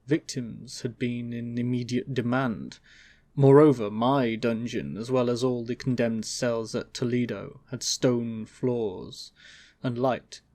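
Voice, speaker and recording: A man's voice: mid-range voice, a little mellow, no room sound. A man narrates gothic horror in a theatrical, stagey manner. His mid-range voice swells on key words and stretches out phrases for dramatic weight. The sound is very dry, with no room around it.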